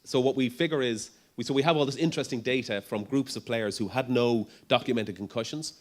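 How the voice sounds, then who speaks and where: A man's voice: medium pitch, brisk. A middle-aged man, a neurologist, giving a conference talk and answering questions in a loose conversational way, with fillers and restarts. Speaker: neurologist speaker.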